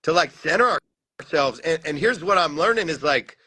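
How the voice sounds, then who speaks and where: Intense, swearing man, bright voice. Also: on the high side, animated, fairly quick, breathy edge. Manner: intense, heavily profane, emphatic. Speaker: podcast co-host. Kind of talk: casual chat.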